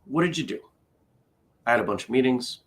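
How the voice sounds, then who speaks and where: A tired man hosting a relaxed morning livestream, talking easily to his viewers. His pitch rises and falls a lot, lively and animated even while he sounds worn out. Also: brisk. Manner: tired, chatty, reads out viewer comments. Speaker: host. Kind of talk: casual morning livestream chat.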